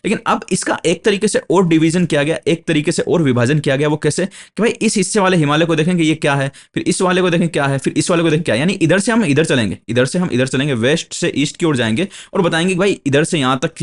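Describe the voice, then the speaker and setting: A male teacher giving an exam coaching lecture, explaining step by step, repeating key terms and answering his own questions. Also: on the high side. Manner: slow, deliberate when reading English textbook lines aloud.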